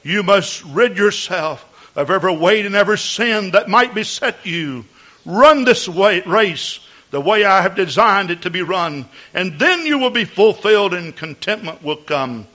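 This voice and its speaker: A man's voice: sits high, pushed and bright. A man preaching in a Pentecostal church, solemnly proclaiming prophecy in archaic biblical phrasing. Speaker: preacher, pastor. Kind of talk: Pentecostal church sermon and exhortation. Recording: dull, lo-fi church recording.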